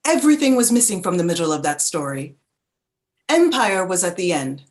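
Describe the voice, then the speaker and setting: An actress voices a reflective woman narrator recalling her childhood in a contemplative, deliberate literary reading. Her voice sits on the low side and is very animated.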